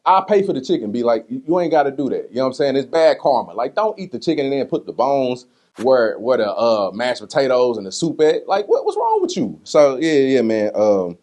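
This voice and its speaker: Answering personal questions in a candid interview, a man talks a little fast in a medium-pitched voice. He's slangy and conversational, retelling stories with animation and acting out other people's quotes.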